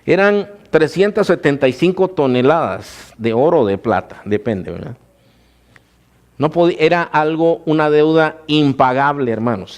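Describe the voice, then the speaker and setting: A male pastor giving a sermon in a church. He keeps calling the congregation "brothers", asks them rhetorical questions and slows down to stress the numbers. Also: medium pitch.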